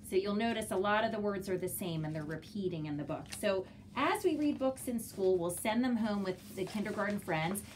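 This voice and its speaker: A woman with a medium-pitched voice speaks as a kindergarten teacher. She walks parents through instructions in simple steps. Some faint noise and room ambience sit behind her. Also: darkish tone. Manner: simple step-by-step explaining, sounding out words.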